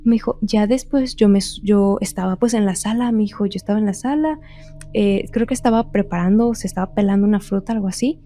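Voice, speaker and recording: A woman's voice: mid-range voice, brisk, dark tone, a little hiss or hum. A woman casually retelling a ghost story on a podcast. She rambles and keeps repeating "he told me.".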